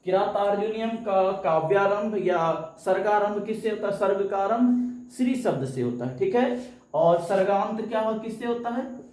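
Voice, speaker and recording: A man teaching a live coaching class, with a high voice and an echoey room around him. He puts a question to his listeners and answers it himself, and at times he chants verses in a recitation tone. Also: normal speed, darkish tone. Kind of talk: live online exam-coaching lesson.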